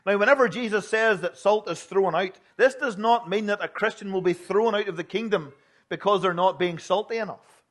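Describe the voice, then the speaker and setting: This Northern Irish preacher delivers his sermon at a moderate pace, his voice notably high. He is earnest and plain-spoken, now and then turning to rhetorical questions.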